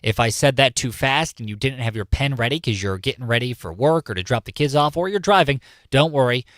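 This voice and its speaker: Here the California radio host sounds medium-pitched, animated and a bit bright, talking briskly. He banters through local morning news and repeats points to make them land, captured cleanly and dry on a studio microphone.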